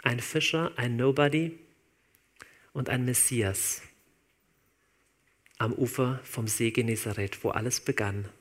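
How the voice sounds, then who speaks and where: A man preaching a sermon in a relaxed, informal way, talking straight to his listeners. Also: mid-range voice, measured pace, pauses often. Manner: conversational, informal, addresses listeners directly.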